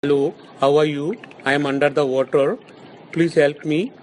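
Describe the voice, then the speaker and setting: A man's voice: a little high, steady tone, normal speed, a little mellow, a little hiss or hum, voice pushed up. A man putting on an underwater gurgling voice, playing someone drowning who pleads for help in broken phrases. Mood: pleading.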